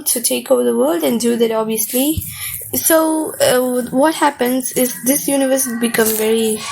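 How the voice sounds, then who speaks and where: A young woman casually reacting to a manga chapter, reading panels aloud between excitable, slangy asides. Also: high voice, creaky, a little hiss or hum, rough recording.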